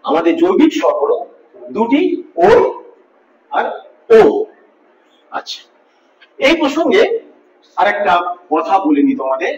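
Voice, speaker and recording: Very high-voiced male teacher, echoey and distant. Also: sing-song, a little slow, long pauses, darkish tone, slight background noise. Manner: patient, repeats points, asks students questions. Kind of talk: classroom grammar lesson. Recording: echoey room, distant mic, dull lo-fi.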